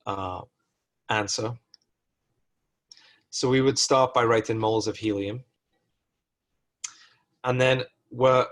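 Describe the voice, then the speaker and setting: A male lecturer working through chemistry problems step by step, thinking aloud and correcting himself mid-sentence. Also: medium pitch. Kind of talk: recorded lecture walkthrough.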